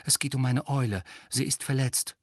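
A man voicing an earnest, hurried teenage boy wizard in an audiobook. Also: mid-range voice, dry recording, clean studio sound, lightly acted. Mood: urgent.

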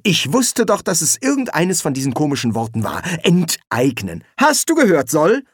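A man voicing a pushy, fast-talking male boss who chews a cigar and barks orders in an audiobook. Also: fairly high pitch, wildly swooping pitch, slightly rough, no room sound, studio quality, voice pushed up, full character voice. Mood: brisk. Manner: bossy, rapid-fire orders.

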